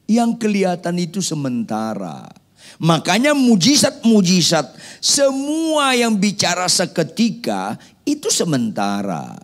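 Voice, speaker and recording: A man preaching a sermon, firing rhetorical questions at the congregation with playful joking asides. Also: a little high. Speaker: pastor.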